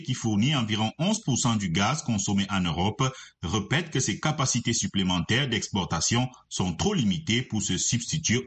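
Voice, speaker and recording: Husky male radio news anchor. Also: on the low side. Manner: even formal newsreading. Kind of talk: read radio news bulletin.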